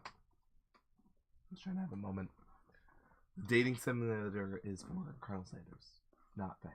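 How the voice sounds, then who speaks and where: A man with a dry, raspy throat, rambling and joking in casual chat as he plays a game. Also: on the low side, big pitch swings, normal speed, a little hiss or hum. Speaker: gaming video host. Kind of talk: casual chat while playing.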